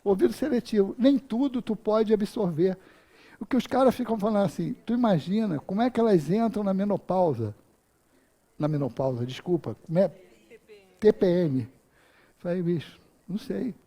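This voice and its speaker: A man's voice: high-pitched, normal speed, warm tone. A man in his fifties giving a casual, humorous talk full of personal stories at a spiritist center. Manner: humorous storytelling, acts out his own moves.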